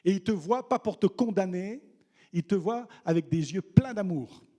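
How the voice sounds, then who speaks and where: High-voiced animated male preacher. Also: moderate pace. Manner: animated, acts out voices of people in the story, jokes with the congregation. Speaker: missionary preacher. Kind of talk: sermon.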